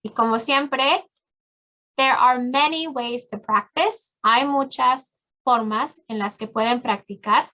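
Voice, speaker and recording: A woman with a Mexican accent teaching English to Spanish speakers, saying model phrases slowly and clearly. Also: high-pitched, bright, forceful tone, lo-fi sound. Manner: slow, carefully enunciated English model phrases. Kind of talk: bilingual language lesson.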